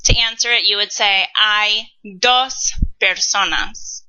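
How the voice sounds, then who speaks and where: A woman in her thirties teaching a recorded Spanish lesson, modeling words slowly and carefully. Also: medium pitch, pushed and bright, dull audio, a little hiss or hum. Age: 30s.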